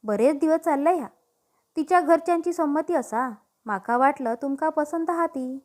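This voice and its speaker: A woman's voice: high-pitched, normal speed, darkish tone, lightly acted. A woman voicing a sly gossiping auntie. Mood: insinuating. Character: gossiping middle-aged woman neighbour, sly.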